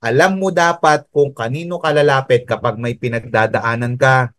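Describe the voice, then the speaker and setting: Filipino pastor preaching, dry close voice. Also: male voice, mid-range voice, moderate pace, fairly bright tone, dry recording. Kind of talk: sermon.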